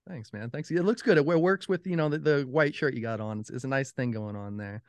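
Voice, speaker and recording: Male host, mid-pitched, clean tone, casual friendly interviewer. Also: a little fast, dry recording. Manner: friendly, easygoing, hesitant with fillers. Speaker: podcast host.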